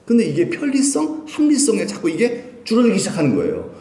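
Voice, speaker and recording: A male pastor preaching a sermon. He asks the congregation questions and answers them himself, swinging from loud emphasis to quiet, low lines. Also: huge pitch swings, quick pace. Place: church sanctuary. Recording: echoey church hall.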